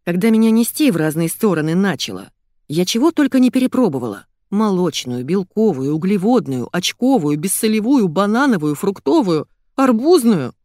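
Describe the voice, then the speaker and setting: A woman narrating an audiobook in the first person with a lively, expressive storytelling manner. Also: medium pitch, moderate pace, no echo, clean studio sound.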